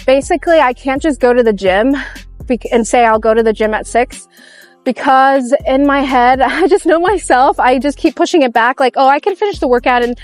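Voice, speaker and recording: This upbeat, giggly young woman vlogs casually to her camera during an outdoor walk. She has a high voice at a moderate pace, the recording has no echo, and faint music can be heard behind her.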